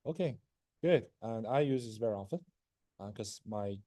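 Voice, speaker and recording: This classroom lecture on machine learning comes from a university instructor in his forties, a native Chinese speaker, who stumbles along with fillers, keeps asking "right?", and often clears his throat. He sounds animated, with a fairly low pitch and a dark timbre, captured in a clean studio recording free of room sound.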